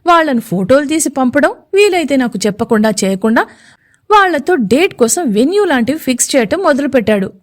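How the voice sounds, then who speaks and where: A woman's voice: sits high, sing-song, a little fast. A woman voicing a young male CEO in a romantic audio story, playful and teasing in manner. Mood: explaining.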